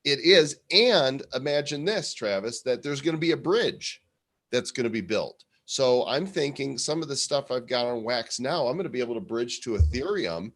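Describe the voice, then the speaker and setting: A man's voice: mid-range voice, lively intonation, moderate pace, a bit bright. A man co-hosting a live show in casual, rambling, conversational talk. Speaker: co-host of a show about NFT art.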